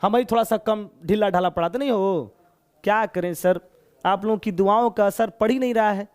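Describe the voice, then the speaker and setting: A Bihari man teaches English in a live online class, his voice pitched very high. He speaks Hindi with a Bihari accent, chatty and playful, joking as he coaxes his students to answer. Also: normal speed, smooth. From Bihar, India.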